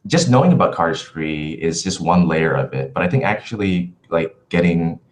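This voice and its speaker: A man chatting casually as a livestream host in a halting, rambling, thoughtful way, with livestream headset-style audio. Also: low-pitched, expressive. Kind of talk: casual livestream chat answering viewer questions.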